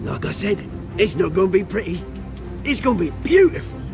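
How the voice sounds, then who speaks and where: An actor playing a cocky, volatile British rogue, a fallen heir turned revolutionary, taunting and theatrical in a video game. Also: male voice, sits high, very animated, brisk, music in the background. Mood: sly, threatening.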